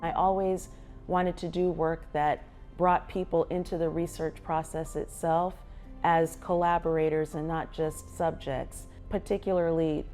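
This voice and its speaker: American woman researcher, low warm voice, reflective documentary interview. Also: flat delivery, a little slow. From United States. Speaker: assistant professor, researcher. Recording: soft music underneath.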